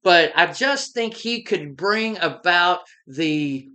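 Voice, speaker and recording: A woman co-hosting a casual movie recasting chat, speaking in a measured way that often restarts its sentences. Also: lowish voice, animated, bright, forceful tone. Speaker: podcast co-host.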